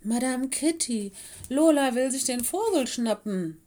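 A woman's voice: high voice, animated, unhurried, warm tone, pitched above the performer's own voice. A woman voicing an eager, impulsive little boy wolf in a storybook reading, who blurts out and stammers. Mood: alarmed. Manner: blurting, anxious. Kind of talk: audiobook reading.

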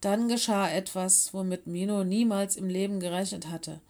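A woman narrating a children's story in a calm, measured way. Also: medium pitch. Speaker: audiobook reader.

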